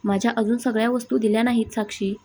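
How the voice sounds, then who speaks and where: A woman reading the lines of a proud, impatient young husband who gives orders irritably, in a husky voice. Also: a little high, fairly even intonation, quick pace, darkish tone, a little hiss or hum, natural voice. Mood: irritable. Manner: demanding, irritable.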